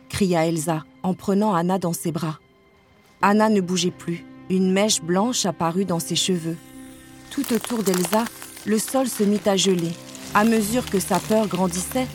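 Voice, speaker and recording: A woman reads a children's storybook aloud in a gentle, measured way. Her pitch sits in the middle range, and soft music plays quietly underneath.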